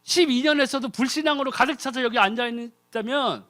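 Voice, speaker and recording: Male lay preacher, sermon, very high bright voice, rhetorical questions, mocking mimicry. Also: brisk. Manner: mimics people's prayers in mocking put-on voices. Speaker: lay preacher, ordained deacon.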